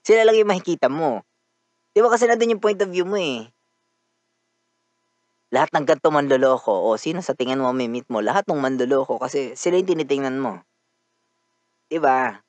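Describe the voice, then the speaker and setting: Filipino guy giving a pep talk, lively, keeps checking in with the listener, dry close sound. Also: medium pitch, normal speed, pauses often, no echo. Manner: animated, keeps asking "di ba?" to the listener. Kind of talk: casual motivational talk.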